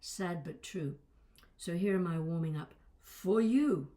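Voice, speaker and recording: Speaking a little slowly in a warm, fairly low voice, an older voice coach and presenter gives an informal lesson to camera. She drifts conversationally between topics and drops in wry asides, and her voice has a light crackle and small breaks.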